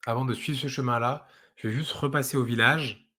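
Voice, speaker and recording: A man's voice: medium pitch, fairly even intonation, a little fast, bright, forceful tone. A man playing a tabletop role-playing game, thinking aloud and hesitating as he improvises his character's actions and replies. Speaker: player.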